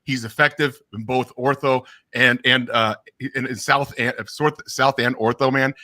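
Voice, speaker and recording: A man's voice: mid-range voice, steady tone, moderate pace, sharp tone. A man calling in to a betting show, telling stories animatedly and swearing freely. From Missouri. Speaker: caller. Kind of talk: casual chat.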